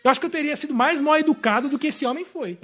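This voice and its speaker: Very high-voiced Brazilian preacher. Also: male voice, racing. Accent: Brazilian Portuguese. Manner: emphatic, with sudden drops to a soft voice. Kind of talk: evening sermon.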